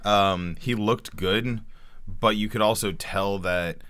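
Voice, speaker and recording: A man co-hosting a casual podcast, full of wisecracks and moving things along to the next topic. His voice sits a little low but sounds bright and edgy, recorded dry and close. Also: steady tone, takes it slowly, no echo. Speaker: podcast co-host. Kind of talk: casual chat.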